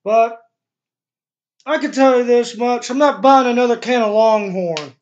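A young man with a strikingly high voice reviews a product in a casual, blunt way. He talks slowly around a lip packed with chewing tobacco. The sound is dull, lo-fi webcam audio from a small room. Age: young adult. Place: small bare room indoors. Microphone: webcam microphone at desk distance.

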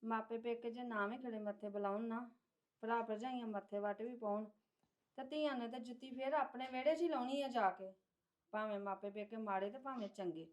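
A woman playing a relative who calms a quarrel and offers steady advice. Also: on the high side, brisk, natural voice. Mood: soothing. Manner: soothing, advising. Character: calm peacemaking female relative. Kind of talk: family short-film acting.

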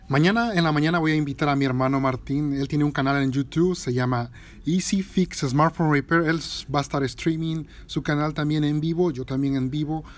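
A man hosting a phone repair channel, chatting informally to his viewers with halting pauses and fillers. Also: on the high side, a little mellow. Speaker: tech repair channel host. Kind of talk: casual chat to viewers.

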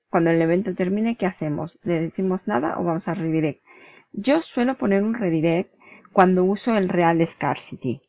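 Lady from doing a screen tutorial, chatty step by step, pretty dry dead sound, a bit of fry. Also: lowish voice, no room sound. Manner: chatty, explains step by step, mimics clicks and flips aloud. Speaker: tutorial host. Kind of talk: screen-recorded software tutorial. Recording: dull lo-fi dry recording.

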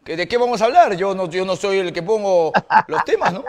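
A Peruvian man with a fairly high voice argues on a sports panel. He is sarcastic and defensive, with drawn-out phrasing. The sound trails off into a long reverb. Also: expressive. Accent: Peruvian Spanish. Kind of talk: heated studio debate.

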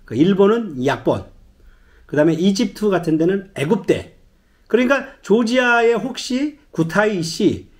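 A middle-aged man talks through a casual language lesson in a high, lively voice. He chats along with plenty of fillers and acts out bits of dialogue. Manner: chatty storytelling with many fillers, acts out dialogue. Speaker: travel guide teaching phrases.

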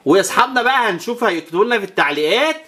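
Fast, animated Egyptian woman. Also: medium pitch. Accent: Egyptian Arabic. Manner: animated, counts aloud and makes whooshing sound effects. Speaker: toy channel presenter. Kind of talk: playing with toys alongside a child and talking to viewers.

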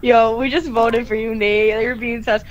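A woman's voice: a little high, flat delivery, moderate pace, muffled recording. A woman chatting playfully in a group game, using gamer slang. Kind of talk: casual voice chat.

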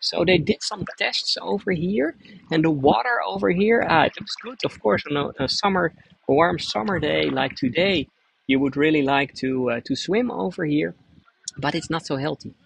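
A middle-aged man giving a chatty live guided kayak tour outdoors, repeating words and pausing with fillers. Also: on the high side, vocal fry, fairly bright tone, slight background noise.

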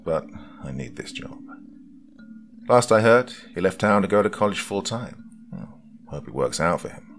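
A man with an extremely deep, gravelly voice reads a first-person horror story aloud. His delivery is slow and hushed, close to the mic, with faint music playing underneath. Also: very animated. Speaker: narrator. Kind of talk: scripted horror story narration.

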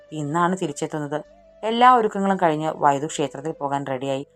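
A woman narrating a romantic story audiobook in steady scripted narration. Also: low-pitched.

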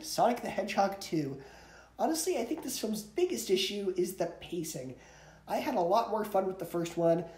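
A man with a high-pitched, warm voice delivers a casual, opinionated, scripted movie review in countdown form. He's recording in a small indoor bedroom decorated with posters, and the home recording sounds roomy and echoey.

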